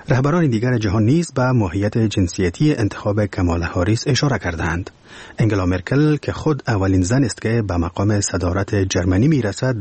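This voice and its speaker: Afghan Dari male correspondent, low husky voice, dry close sound, measured news read. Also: darkish tone, no room sound. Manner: measured formal delivery. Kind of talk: news report.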